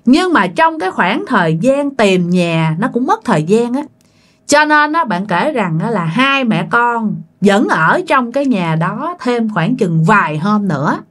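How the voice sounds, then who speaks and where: A woman's voice: a little high, sing-song, unhurried, a bit bright. A woman with a Southern Vietnamese accent narrating a ghost story dramatically, speaking straight to her listeners. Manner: dramatic, addresses listeners directly.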